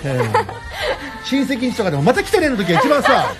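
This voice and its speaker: A man hosts a late-night radio show from the studio, teasing and joking between laughs. His speech is quick and his pitch bounces all over the place. Music plays clearly beneath him. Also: wildly swooping pitch, a loud crowd. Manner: jokey, teasing, laughs often. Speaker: radio host. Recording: studio broadcast with music underneath.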